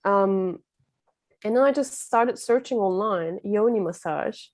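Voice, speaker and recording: Woman from Turkey, earnest, reflective, mellow tone, casual interview talk. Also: medium pitch, unhurried. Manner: reflective, earnest, many fillers. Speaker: guest, empowerment coach. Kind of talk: casual conversation.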